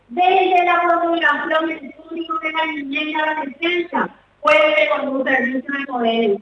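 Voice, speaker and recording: A woman's voice: sits high, slight background noise. A woman giving a formal, emphatic speech at a ceremony in a theater, heard from a distance. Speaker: vice minister giving a speech. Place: theater auditorium. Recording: echoey hall, far from mic, dull.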